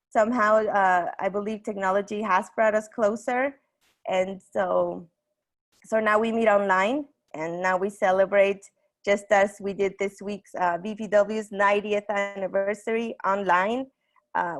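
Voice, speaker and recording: Creaky-voiced young woman with a Mexican accent. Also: mid-range voice. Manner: hesitant, halting. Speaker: online meeting host. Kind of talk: semi-formal welcome speech.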